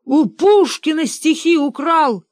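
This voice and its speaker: An audiobook reader voicing an excitable young man who shouts slogans in a raised, loud voice. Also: very high voice, slow, no echo, studio quality, voice pushed up, exaggerated voice. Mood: shouting. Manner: shouting, declamatory. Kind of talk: audiobook character voice.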